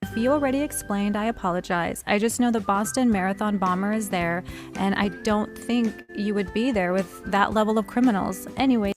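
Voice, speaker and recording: A woman's voice: mid-range voice, a little fast. A woman in a played clip, politely reading out viewer questions as the interviewer. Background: music.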